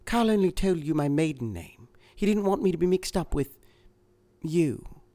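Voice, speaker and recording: A man's voice: a little high, lively intonation, moderate pace, dark tone, voice pushed up, natural voice. A man voicing an anxious, urgent woman. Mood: insistent. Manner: urgent, pleading. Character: anxious, insistent woman in a spy thriller.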